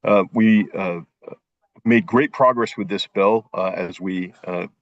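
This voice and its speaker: Man, choppy call audio cutting in and out, clipped word endings, halting delivery, low voice, muffled lo-fi sound. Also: steady tone, no room sound. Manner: halting, hesitant, stops and restarts. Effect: choppy connection, audio cutting in and out with clipped endings. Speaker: state public safety official testifying. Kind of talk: remote committee testimony. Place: airport. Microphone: laptop or phone on a video call.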